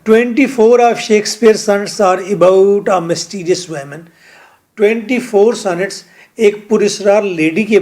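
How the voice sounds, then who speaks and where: Guy teaching literature, kinda high voice, talks real slow, says it in then again in hindi. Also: a little mellow. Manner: explains slowly, repeats each English point in Hindi. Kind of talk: recorded lecture.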